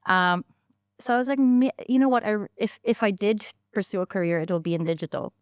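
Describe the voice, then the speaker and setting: A woman in her thirties, a founder and guest in a casual interview, tells her story in a chatty way, laughing easily and often restarting or using fillers. Her medium-pitched voice is animated and a little fast. The studio recording is clean, with no room sound.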